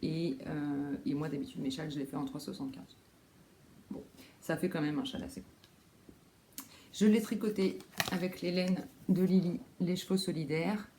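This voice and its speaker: A woman's voice: deep voice, steady tone, normal speed, long pauses, dark tone. A woman vlogging casually about her knitting, rambling with lots of fillers and correcting herself as she goes. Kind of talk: casual show-and-tell chat. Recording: roomy echo, faint background noise.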